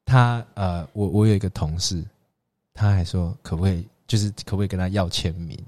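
A man co-hosting a podcast, telling a story in casual chat, animated and acting out the quotes with bursts of laughter. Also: low voice, a little fast. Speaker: podcast co-host.

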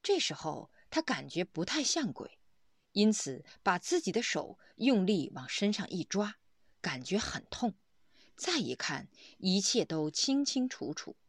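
A woman's voice: medium pitch, big pitch swings, unhurried, no room sound, clean studio sound. A woman reading a Buddhist story aloud, narrating expressively and often breaking into exclamations. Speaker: reader of a Buddhist text.

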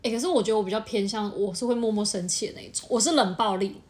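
A young woman with a Taiwanese Mandarin accent, co-hosting a podcast. She chats casually and candidly and reacts quickly. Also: mid-range voice, a little mellow. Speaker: podcast co-host. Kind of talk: casual chat.

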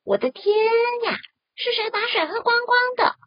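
A woman's voice: extremely high pitch, sing-song, moderate pace, dry recording, muffled recording, voice pushed up. A woman voicing a tiny panicky flea in a storybook reading, shrieking in a rush. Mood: alarmed.

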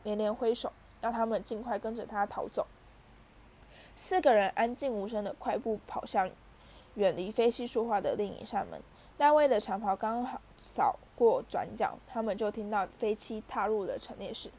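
A woman reading a storybook aloud as narrator, lively and voicing the characters. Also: medium pitch, moderate pace. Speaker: audiobook reader.

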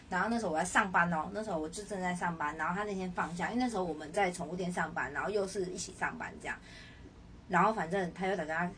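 A woman's voice: on the low side, a bit bright. A young woman co-hosting a podcast, telling stories in casual chat and laughing often. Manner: chatty storyteller, laughing often. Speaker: podcast co-host. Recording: distant mic with faint noise.

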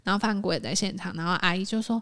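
Animated woman telling a story. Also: on the low side, racing. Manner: animated storyteller, acts out quoted people. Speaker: podcast co-host; designer. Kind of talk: casual chat.

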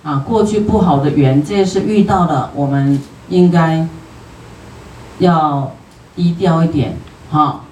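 This sutra lecture comes from a Buddhist teacher whose Taiwanese Mandarin accent and drawn-out sentence particles give it a homely, conversational feel. His mid-range voice sounds a little mellow, picked up from a distance in a spacious hall.

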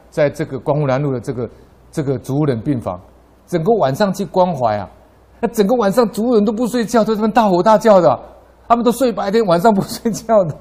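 A man's voice: on the high side, a little mellow. A middle-aged man from Taiwan, giving a Buddhist dharma talk full of anecdotes. His voice rises sharply when he tells a story. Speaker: lay Buddhist speaker.

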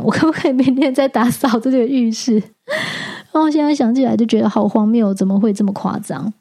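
A woman hosting a podcast, telling a personal story in a casual, animated way and stammering as she relives the scare. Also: medium pitch, gravelly, breathy edge. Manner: animated, stammers and repeats words when retelling fright. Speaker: podcast host.

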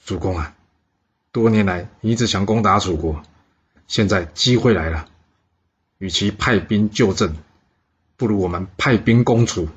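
A calculating chief minister lays out his plans in a measured, persuasive tone, as a man voices him. His voice is low and husky. The sound is muffled and lo-fi. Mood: advising. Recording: dull lo-fi recording.

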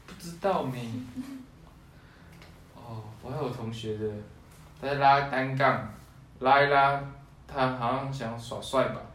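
A young man tells childhood anecdotes in a loose chat, breaking into laughter often. His voice sits at a middling pitch and comes from a little off the mic. The room around him rings with echo. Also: measured pace, long pauses, fairly bright tone. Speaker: podcast co-host. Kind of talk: casual chat, storytelling. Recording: roomy echo, distant mic.

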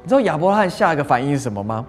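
A man preaching a sermon, retelling a Bible story in an animated way and asking his listeners questions. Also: on the high side, rapid-fire. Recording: long hall reverb with soft music.

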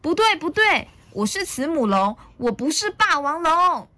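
Little boy dinosaur played by a woman, high squeaky voice, hotheaded, sweet, storybook read-aloud. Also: moderate pace, sharp tone, dry recording. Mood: upset.

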